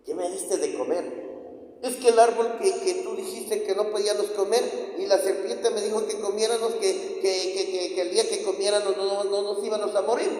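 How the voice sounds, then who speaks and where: A man's voice: high-pitched, heavy reverb, in a large hall, close to an everyday voice, poor audio. A man voicing a guilty, frightened woman who stammers through her confession. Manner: hesitant, stammering, quiet.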